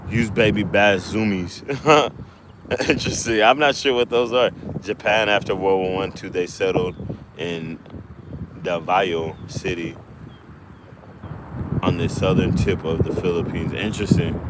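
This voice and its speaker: A man's voice: deep voice, steady tone, unhurried. A man chatting casually on a live stream while fishing outdoors, rambling with lots of fillers and restarts. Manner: rambling, laid-back, many fillers and restarts. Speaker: livestreaming angler. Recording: wind noise on the mic outdoors.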